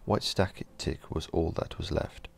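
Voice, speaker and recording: Man, horror story narrator, gravelly fry, very low pitch, slow measured reading. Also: darkish tone.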